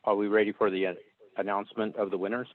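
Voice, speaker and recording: A man's voice comes through a tinny phone line, low and level, barely rising or falling. He talks in a hesitant way, with many ums and uhs, as he announces the winners of a competition. The narrow phone sound squeezes his voice throughout. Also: level tone, quick pace. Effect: heard over a phone line. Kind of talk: announcing winners on a conference call.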